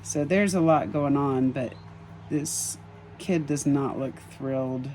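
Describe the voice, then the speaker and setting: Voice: mid-range voice, takes it slowly, darkish tone, slight background noise. Vlogger musing over a drawing outdoors in the evening, unscripted, rambling with frequent ums and small chuckles. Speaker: sketch artist and empathic reader. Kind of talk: casual commentary on a drawing.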